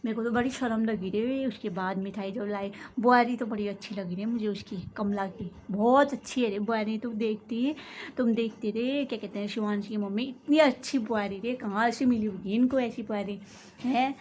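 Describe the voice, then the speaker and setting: A woman with an Uttarakhand accent chats away in a comic gossip role-play, slipping in fillers and tag words constantly. Her voice sits a little high. A faint hum of ambience runs behind her. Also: moderate pace, a little mellow. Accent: Uttarakhand Hindi. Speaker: comedy vlogger.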